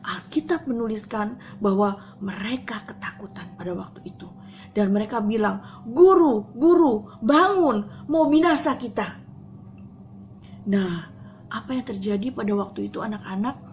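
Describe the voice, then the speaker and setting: High-voiced woman telling children a Bible story. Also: slight background noise. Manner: animated storyteller, talks straight to the children; swings between soft hushed asides and loud excited bursts. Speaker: school chapel speaker.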